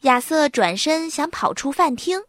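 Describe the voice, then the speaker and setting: A woman narrating a children's story in an expressive, animated way. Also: high-pitched, a little slow, no room sound, clean studio sound.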